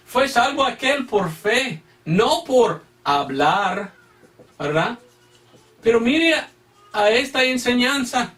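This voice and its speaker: A man's voice: high-pitched, fairly bright tone, recorded from a distance. A man, an evangelist missionary, teaching a Bible sermon. He reads scripture references aloud, repeats his phrases and asks emphatic rhetorical questions.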